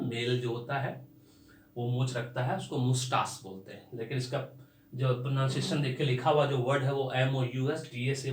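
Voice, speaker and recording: A man's voice: medium pitch, reverberant. A man teaching English vocabulary and pronunciation, stretching out each new word and spelling words out letter by letter.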